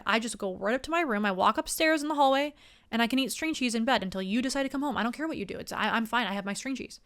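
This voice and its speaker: A woman's voice: a little high, fairly bright tone, smooth. A young woman hosting her show with a rambling, self-mocking comic monologue. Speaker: comedian host.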